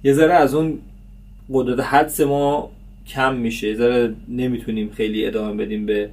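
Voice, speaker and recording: A man's voice: medium pitch, steady tone, darkish tone, recorded from a distance, faint music behind. A man hosting a casual review vlog about a TV series, chatty and full of fillers.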